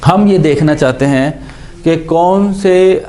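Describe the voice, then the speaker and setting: A man teaching Quran recitation, patiently explaining and repeating syllables slowly to show how each letter sounds, with English words mixed in. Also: a little high, dark tone, slight background noise. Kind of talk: explanatory lesson on pronunciation.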